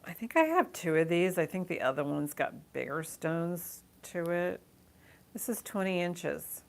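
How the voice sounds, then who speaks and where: Casting: woman, deep-pitched casual auctioneer for live selling, informal and chatty, faint noise behind. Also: animated, measured pace, gravelly. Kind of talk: casual live-sale auctioneering, counting down bids.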